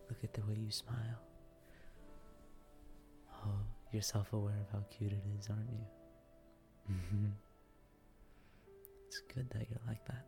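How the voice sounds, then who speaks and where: A man whispering softly in an intimate, affectionate boyfriend roleplay for ASMR. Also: on the low side, flat delivery, slow pace, long pauses, over music.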